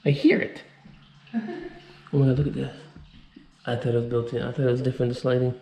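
A man's voice: mid-range voice, level tone, fairly quick, dark tone. A man in his thirties, a vlogger giving an easygoing walkthrough of an abandoned house, talking to viewers. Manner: easygoing, talks straight to viewers. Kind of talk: casual walkthrough commentary. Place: empty abandoned house indoors. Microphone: handheld camera mic. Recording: echoey empty rooms, faint noise.

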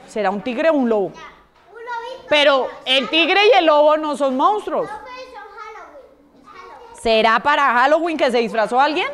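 A woman voicing frightened little chicks in a children's story, squeaky and panicky. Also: lively intonation, a little slow, pauses often, fairly bright tone. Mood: fearful.

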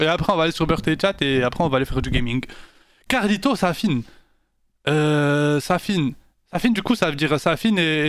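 A man streaming live, chatting casually and directly with his viewers in an animated, slangy way. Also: fairly high pitch, no echo, studio quality. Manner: animated and slangy, talks straight to his chat.

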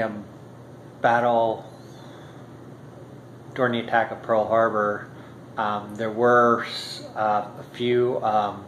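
Halting man talking in an echoey kitchen. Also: mid-range voice, slight background noise. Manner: halting, many ums and restarts. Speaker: history vlogger. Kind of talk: unscripted talk to camera. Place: home kitchen indoors. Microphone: built-in camera mic at arm's length. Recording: roomy kitchen echo, faint ambience.

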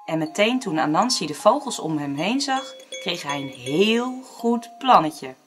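A woman narrating a children's storybook in an expressive, dramatic way. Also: low voice, normal speed, over music.

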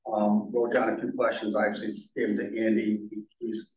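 A man's voice: lowish voice, completely flat delivery, a little fast, dull audio. A man speaking as a board member at a city meeting, conversational with hesitant fillers. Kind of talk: public meeting discussion. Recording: echoey meeting room, distant mic.

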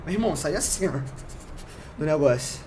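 A man with a Brazilian accent telling a story on a casual podcast, animated, full of slang and sound effects. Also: a little high, a little fast, slight background noise. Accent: Brazilian Portuguese.

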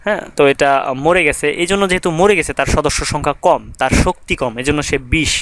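A man's voice: a little high, fast, a bit bright, slight background noise. A young man teaching grammar in a casual, conversational lecture, with many fillers and rhythmic recitation of word lists.

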